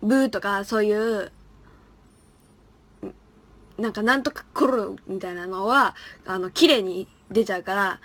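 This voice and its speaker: A woman's voice: medium pitch, unhurried, long pauses, fairly bright tone. A young woman in her twenties hosting a casual live stream, reading viewer comments aloud, laughing often and stumbling over tongue twisters. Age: young adult. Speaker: live-stream idol host.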